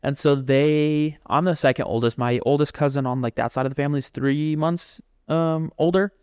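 A man with a smooth, clear voice and a slightly higher pitch, chatting on a podcast. He tells stories with energy and slips into folksy voices now and then. The sound is close and dry. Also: normal speed, no echo. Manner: animated storyteller, acts out folksy voices, swears casually. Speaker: podcast co-host. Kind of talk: casual chat.

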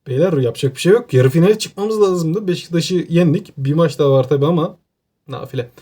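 Man, Aegean Turkish accent, excitable gameplay commentary, joking, talks to himself, slightly high voice. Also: fairly quick, breathy edge. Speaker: gaming YouTuber.

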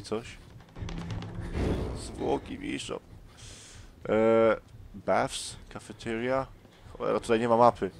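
A man's voice: fairly low pitch, noisy background. A man doing let's play commentary on a horror game, tense and jumpy, muttering to himself.

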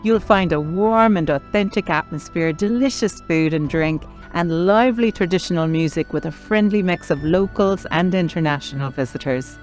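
A woman's voice: fairly low pitch, moderate pace, hardly any pauses, a little mellow. A woman with an Irish accent presenting a travel programme in scripted narration. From southern Ireland. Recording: light music behind the narration.

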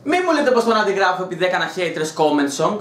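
A man rants in a casual home vlog, crude and mocking, with a sarcastic bite. His voice sits high for a man and swings widely in pitch. The room around him gives a noticeable echo. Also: big pitch swings, a bit bright. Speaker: YouTuber. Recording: roomy echo.

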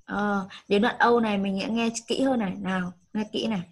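A woman's voice: medium pitch, fairly even intonation, a little fast, poor audio. A woman, teaching an online English lesson over a video call, patiently coaxing and repeating prompts.

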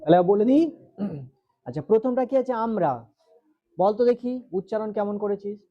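Here a male grammar teacher with a West Bengal Bengali accent quizzes and drills his class, drawing out syllables as he speaks. His voice is high and expressive, his pace fairly quick, and the high frequencies are cut off.

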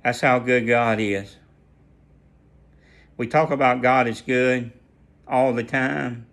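A man's voice: mid-range voice, steady tone, takes it slowly, gravelly, a bit bright. A man sharing a personal faith testimony in a casual storytelling way, earnest and prone to repeating and restarting his phrases.

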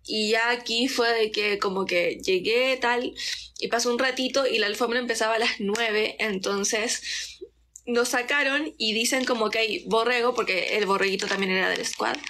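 A young woman from Chile with a faint Chilean accent softened by years in Mexico, chatting casually through a story time while doing her makeup, rambling and easily distracted, full of fillers and sometimes slipping into a whisper. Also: on the high side, a little hiss or hum. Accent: Chilean Spanish, softened by Mexican. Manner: drops into whispers now and then. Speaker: content creator.

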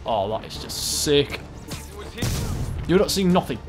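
A young man giving let's-play commentary, excitable, with loud yelps and exclamations. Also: on the high side, unhurried, over music. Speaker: gaming channel host.

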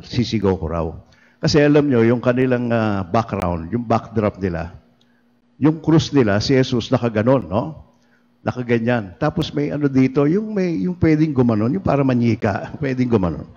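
Chatty priest in an echoing church. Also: male voice, mid-range voice. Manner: lively, chatty, often laughing. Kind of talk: humorous sermon storytelling. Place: church during livestreamed mass. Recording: dull reverberant church livestream.

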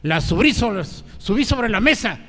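A man's voice: high voice, expressive, normal speed, fairly bright tone, in a large hall. A man doing a crude randy old grandpa. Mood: bawdy boasting. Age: older. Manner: bawdy, boastful punchline delivery. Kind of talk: stand-up comedy double act. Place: stage or restaurant venue.

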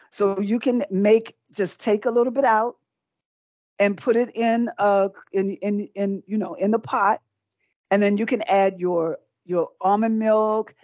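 Working at the stove on a small indoor set screened off with folding panels, a middle-aged woman chats encouragingly through a live cooking demo, frequently repeating her words. Her medium-pitched voice is a little mellow, and the lo-fi audio is dull and dry with no echo.

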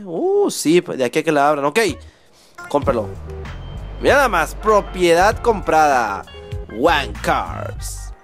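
A man with a Mexican accent doing excited, swearing gameplay commentary as a gaming host. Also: a little high. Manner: excitable, swearing, mock-shouting at the game.

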